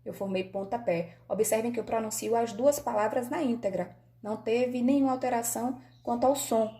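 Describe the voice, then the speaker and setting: Brazilian woman, video teacher, warm mellow tone, patient step-by-step explainer. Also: a little high, fairly even intonation, normal speed. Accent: Brazilian Portuguese. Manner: explains patiently, checks in with "certo?". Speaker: Portuguese teacher. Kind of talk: video grammar lesson.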